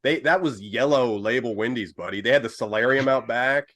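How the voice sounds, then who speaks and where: A man's voice: medium pitch, fairly quick, a bit bright. A man hosting a casual interview, enthusiastic and slangy, calling his guest dude and man. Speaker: host.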